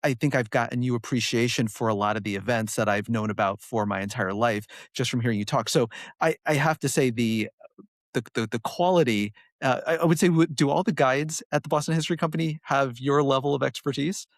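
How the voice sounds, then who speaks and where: A man's voice: mid-range voice, a little fast, dry recording, studio quality. A man from Connecticut hosting a podcast interview, asking long questions that wander and correct themselves. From Connecticut, USA. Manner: rambling, self-correcting questions. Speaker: podcast host.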